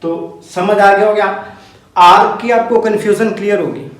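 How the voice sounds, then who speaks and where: A male teacher with a high voice explains phonetics rules for an exam. He patiently goes over each point several times. The sound is heavily echoey, as if captured in a bare room. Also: steady tone, unhurried. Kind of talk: exam-prep phonetics lesson. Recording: very echoey room, voice far from mic.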